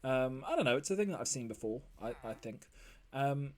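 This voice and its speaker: A let's play host with a mid-range, animated, brisk voice builds in a game while giving casual, rambling commentary. He fills it with plenty of ums and side remarks.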